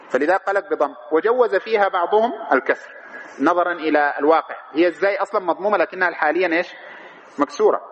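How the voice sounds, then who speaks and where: A man's voice: sits high, muffled recording, slight background noise. A man teaching a grammar class who keeps asking questions and then answers them himself. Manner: recites verse and quotes in a chanting tone. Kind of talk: classroom lecture on Arabic grammar.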